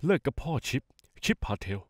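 An actor playing a smug, scheming in-law who taunts and mocks in a dubbed soap opera. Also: male voice, brisk, dry recording, studio quality, close to an everyday voice. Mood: taunting. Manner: mocking, taunting.

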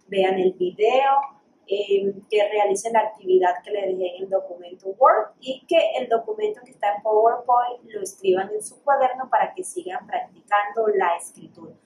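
A woman English teacher with a Colombian Spanish accent, giving a recorded home lesson and stretching out English phrases slowly so pupils can repeat them. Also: mid-range voice, roomy sound, distant mic, a little hiss or hum, rough recording. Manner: slow, drawn-out English drills for pupils to repeat.

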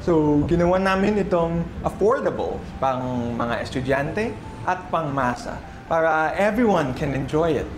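Young guy owner talking up his shop, upbeat, slightly high voice, roomy room, music under. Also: expressive, unhurried, background noise. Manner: upbeat, mixes English into Filipino. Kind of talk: interview answer. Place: indoors in a shop.

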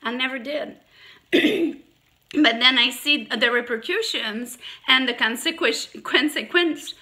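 A woman with a French accent, talking straight to her viewers with emphasis and many halting restarts, a little congested from allergies. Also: sits high, bright, forceful tone. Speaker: YouTuber. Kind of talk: direct-to-camera monologue.

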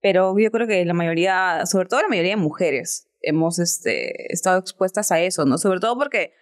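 A woman's voice: on the low side, moderate pace. Earnest woman guest on a podcast. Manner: earnest, reflective storytelling. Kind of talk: casual chat.

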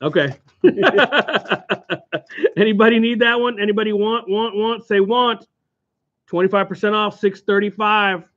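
A man's voice: high voice, unhurried, fairly bright tone. A man with an Oklahoma accent hosting a live card sale from a game store, joking and hawking prices to viewers. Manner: jokey, playful hawking. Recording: dull lo-fi stream audio.

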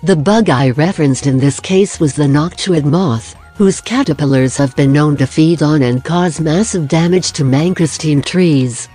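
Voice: mid-range voice, unhurried, few pauses, warm tone, soft background music. A narrator reading a scripted voice-over for a drawing video, with dry, self-deprecating humor.

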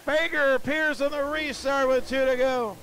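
A man calling a dirt track race live, excitable and breathless, often shouting as the action builds. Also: extremely high pitch, moderate pace, slight background noise. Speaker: race announcer.

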